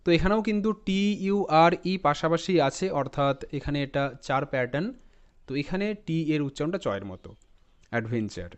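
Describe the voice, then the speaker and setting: A man teaching a lesson in a Bengali accent, spelling words out letter by letter and repeating them slowly. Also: fairly high pitch, lively intonation, dull audio. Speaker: English teacher. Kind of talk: spoken lesson on English pronunciation.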